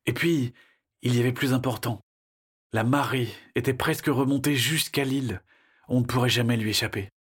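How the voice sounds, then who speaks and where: Husky man narrating a children's story. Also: mid-range voice, normal speed. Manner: lively storytelling, shifting into character voices.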